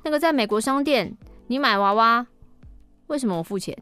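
A woman's voice: on the high side, lively intonation, fairly quick, fairly bright tone, clear, resonant tone, dry recording, faint music behind. A woman co-host with a Taiwanese Mandarin accent reading a listener's letter aloud, acting out the quoted lines with animation. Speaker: podcast co-host.

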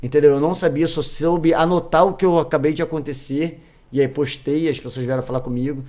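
Animated Brazilian man, fairly high voice. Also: fairly quick. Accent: Brazilian Portuguese. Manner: animated, repeats phrases for emphasis. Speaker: podcast guest. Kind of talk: casual chat, personal storytelling.

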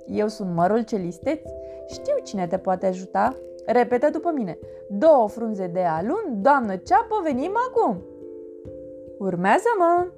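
A woman voicing a talkative, know-it-all apple in a storybook, boastful and rapid. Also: fairly high pitch, very animated. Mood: chatty. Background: background music.

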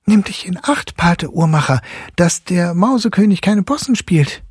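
A man voicing a lively, bold young boy who talks in an excited, boastful way. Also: high voice, normal speed, breathy edge, dry recording, clean studio sound, pitched above the performer's own voice, heavily acted. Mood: eager.

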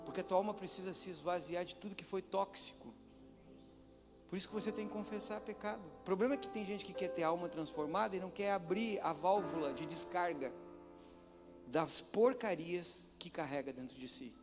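Man, pastor, dramatic sermon, high voice, hall reverb, faint music. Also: fairly quick. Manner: dramatic preaching, swinging from hushed to shouted. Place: church.

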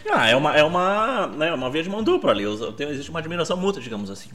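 A man's voice: fairly high pitch, very animated, rapid-fire, a bit bright, soft background music. Thoughtful man hosting a podcast. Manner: thoughtful, hedging, many repetitions. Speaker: podcast host. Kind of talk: casual podcast chat.

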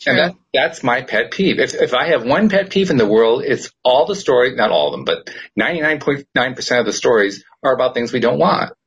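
Laughing often, this middle-aged man, a host and producer, tells stories in an animated, emphatic casual chat. He talks briskly with few pauses in a mid-range voice with a breathy edge, and the sound is dull.

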